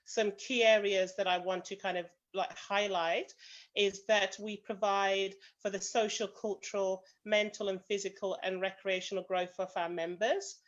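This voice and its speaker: Dull audio carries the steady, medium-pitched voice of a British woman, an association president speaking at normal speed as a panel guest on a video call. Her talk is prepared, yet peppered with "um" fillers and hedging phrases such as "kind of".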